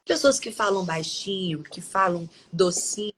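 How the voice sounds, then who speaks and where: A woman with a lowish voice hosts a devotional live stream. She talks in a loose, conversational way and pauses to read Bible verses aloud. A faint hiss sits under the voice. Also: rough recording. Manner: conversational, with frequent tag questions and restarts. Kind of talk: devotional talk and scripture reading.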